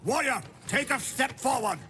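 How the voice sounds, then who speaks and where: An actor voicing a pompous, bad-tempered rich old lord in an animated film dub, barking orders. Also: high-pitched, moderate pace, slight background noise. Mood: imperious.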